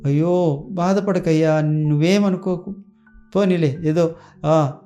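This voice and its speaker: A man's voice: fairly high pitch, fairly even intonation, slow pace, warm tone, soft background music. A man voicing a diamond merchant in a sermon story, coaxing and soothing.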